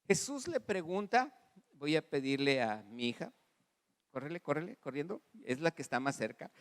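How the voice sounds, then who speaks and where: A man with a Mexican Spanish accent preaching a sermon as pastor, animated, calling on the congregation to repeat after him. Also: on the high side, moderate pace. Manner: animated preaching with audience call-and-response; acts out dialogue in varied voices. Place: church hall. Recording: long reverb in a church hall.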